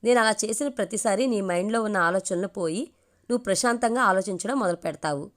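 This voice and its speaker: A middle-aged mother speaks with gentle teasing and steady tenderness, as a woman reads her lines in a storybook. The voice stays at a plain middle pitch. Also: fast, natural voice. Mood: tender.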